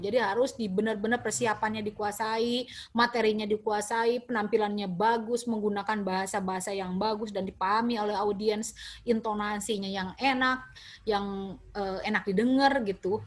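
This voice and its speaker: A woman with a Sundanese accent giving a classroom lecture, lively and quizzing her students, slipping in Sundanese and English words. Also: medium pitch, normal speed.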